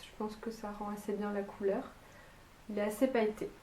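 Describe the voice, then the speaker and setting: A woman's voice: medium pitch, steady tone, fairly quick, warm tone, roomy sound, a little hiss or hum. A woman with a Lille accent chatting casually to camera about her sewing projects, hesitant and full of fillers and restarts, at home. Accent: Lille, northern France. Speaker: sewing and knitting vlogger. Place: room at home with a bay window.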